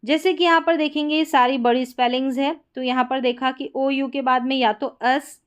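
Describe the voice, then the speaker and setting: A woman teaching English pronunciation in a lesson, explaining spelling rules and reading example words aloud slowly. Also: high voice, steady tone, clear, resonant tone. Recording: dull, lo-fi sound.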